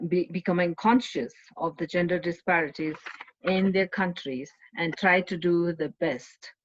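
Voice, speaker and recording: A woman with a lowish voice reads a heartfelt award citation, tripping over a word here and there. The audio is dry and dull, like a lo-fi home recording. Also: no echo. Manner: earnest, slightly stumbling reading. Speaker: award presenter. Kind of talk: read award presentation.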